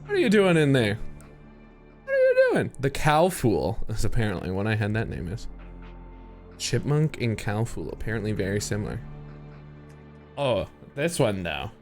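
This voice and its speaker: A man with a lowish voice streams a multiplayer shooter, chatting casually with friends at a moderate pace with long pauses. He's lively, laughing as he directs his teammates, with faint music in the background.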